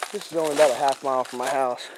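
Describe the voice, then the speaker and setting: A man doing a casual, unhurried vlog out in the woods, thinking aloud in a folksy way as he explores. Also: medium pitch, fairly even intonation. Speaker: outdoor explorer vlogger. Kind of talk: casual rambling vlog narration while exploring. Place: outdoors in the woods on a rocky hillside. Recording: clear outdoor background noise.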